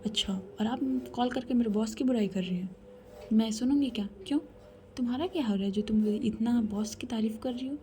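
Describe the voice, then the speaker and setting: A woman's voice: fairly high pitch, fairly quick, dark tone, a little hiss or hum, lightly acted. A woman voicing a possessive young woman who speaks firmly and insistently. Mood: demanding. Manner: demanding, firm.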